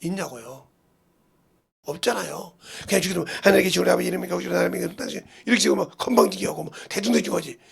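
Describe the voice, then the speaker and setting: A middle-aged male pastor preaching a sermon full of stories, dropping to hushed murmurs and rising to loud cries as he voices relatives. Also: sits high, racing, vocal fry.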